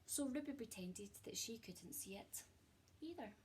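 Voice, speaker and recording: A woman's voice: on the high side, a little slow. Woman reading to children, faint background noise. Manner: expressive storytelling with questions to young listeners. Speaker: teacher reading a picture book to children. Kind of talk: children's story time read-aloud.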